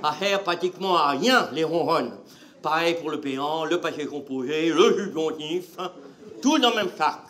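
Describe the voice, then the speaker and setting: Theatrical comedian with a high, lively voice. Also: male voice, a little slow. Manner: theatrical, shouting and drawing out words for comic effect. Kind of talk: stand-up wordplay sketch. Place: theater stage before a laughing audience. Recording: live stage recording with crowd noise.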